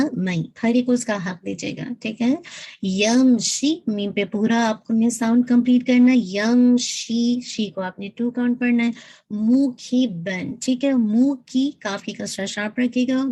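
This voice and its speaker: A woman's voice: fairly high pitch, mellow. Patient woman teaching Quran recitation. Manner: patient, step by step, often checking in with a "right?"; draws out the sounds slowly when modelling recitation. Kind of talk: instructive lesson.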